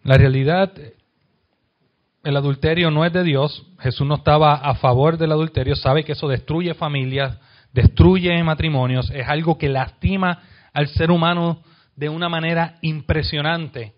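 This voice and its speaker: A man with a slightly high voice and a Puerto Rican accent preaches a sermon, putting questions to his congregation. He reads passages of scripture aloud and lets the most important lines fall quiet and low. The recording is dull and lo-fi. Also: fairly even intonation, moderate pace. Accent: Puerto Rican Spanish. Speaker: pastor.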